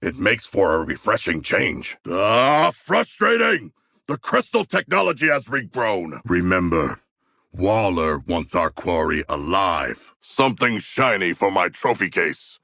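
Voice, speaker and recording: An actor playing a huge, proud, bookish male shark warrior in a video game, speaking in formal, stilted, literal-minded phrases with a gravelly, husky voice. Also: deep voice, big pitch swings, unhurried, pushed and bright, no echo, clean studio sound, heavily acted. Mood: formal, deadpan. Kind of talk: video game character voice lines.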